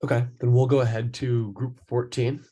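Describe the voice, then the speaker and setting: A man's voice: mid-range voice, level tone, moderate pace, warm tone. A man casually moderating an online class session as its host.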